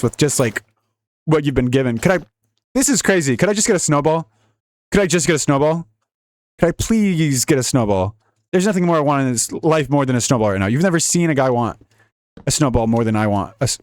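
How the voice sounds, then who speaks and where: A man's voice: on the high side, dry recording, clean studio sound. A young man giving casual, jokey, rambling commentary while playing a video game. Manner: rambling, jokey, laughs often. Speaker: gaming YouTuber.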